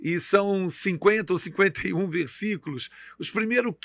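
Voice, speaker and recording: A middle-aged man with a Brazilian accent preaches on a church podcast, his voice high and bright with a gravelly fry. He speaks emphatically, quoting scripture. The sound is close and dry. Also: moderate pace, dry recording. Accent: Brazilian Portuguese. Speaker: bishop and podcast host.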